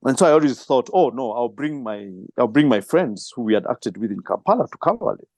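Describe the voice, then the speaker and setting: A middle-aged man answering interview questions, reflective and storytelling, with soft laughs. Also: medium pitch, lively intonation, brisk, no echo. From Kenya. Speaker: filmmaker and film trainer.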